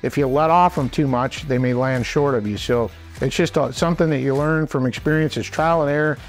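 A man's voice: medium pitch, brisk, soft background music. A man in his forties gives an informal, plain-spoken instructional talk to camera, explaining things in a folksy way. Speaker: instructor and presenter. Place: small indoor wooden workshop.

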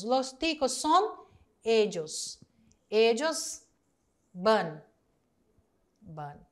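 A woman teaching a recorded class, explaining step by step, repeating the answers and speaking straight to her students. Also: a little high. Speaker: Spanish teacher.

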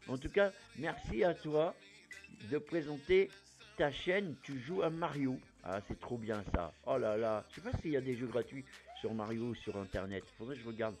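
A man chatting casually as a YouTuber, rambling with plenty of fillers while giving shout-outs. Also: mid-range voice, moderate pace, soft background music. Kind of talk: casual chat.

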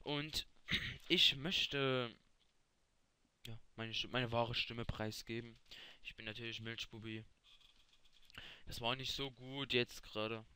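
A man's voice: mid-range voice, fairly even intonation, slow, pauses often, bright, forceful tone, clear, resonant tone. Casual teen boy with a breaking voice. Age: teens. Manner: rambling, loose. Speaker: youtuber. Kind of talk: casual chat.

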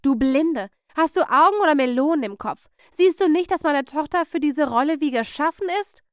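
A woman voicing a cruel, domineering middle-aged aunt who shouts and scolds. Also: high-pitched, lively intonation, normal speed, no room sound, clean studio sound, pitched above the performer's own voice. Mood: furious.

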